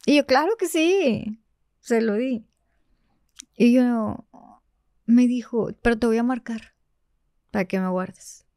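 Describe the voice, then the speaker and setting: A woman with a Mexican accent, a podcast guest telling a personal story in an animated way that drops to a hush when she quotes others. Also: on the high side, slow pace, long pauses, no room sound, studio quality.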